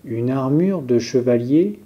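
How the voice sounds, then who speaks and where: A male teacher guides a yoga nidra relaxation, giving calm, measured instructions broken up by pauses. His voice sits in the mid range, and the recording is lo-fi.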